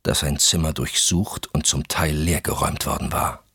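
A man reads a thriller audiobook in a measured, suspenseful way. His voice is extremely deep and husky. The recording is dry and close, with no room sound. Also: fairly even intonation, a bit bright, no room sound. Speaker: audiobook narrator. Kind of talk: scripted thriller narration.

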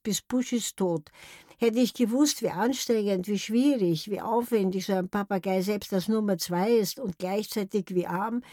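An older woman recounts memories from her life in a wry, anecdotal manner. Her voice sits at a middle pitch, recorded close and dry with no room sound. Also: mellow, dry recording. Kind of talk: memoir storytelling.

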